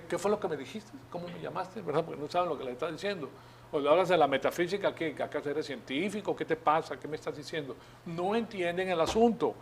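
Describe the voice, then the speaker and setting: A man's voice: medium pitch, a little hiss or hum. A male preacher giving a teaching sermon in a conversational way, asking the congregation questions and often restarting his sentences. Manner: conversational, acts out questions, many fillers and restarts.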